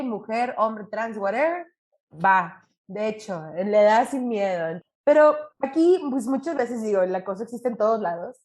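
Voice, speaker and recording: Animated Monterrey Mexican woman comedian. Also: mid-range voice. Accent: northern Mexican, Monterrey. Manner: animated, acts out quoted voices, laughs often. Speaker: stand-up comedian. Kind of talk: stand-up storytelling.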